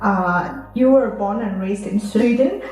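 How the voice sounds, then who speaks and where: A woman's voice: mid-range voice, measured pace, darkish tone. A woman in the audience asking hesitant questions, filled with "like" and "uh". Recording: echoey hall, far from the mic, faint music.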